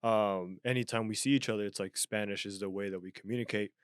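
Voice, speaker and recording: A young Japanese man co-hosting a podcast chats casually but earnestly, animated and frequently restarting his sentences. His voice is on the low side, fast, clear and resonant, recorded in clean studio sound with no echo.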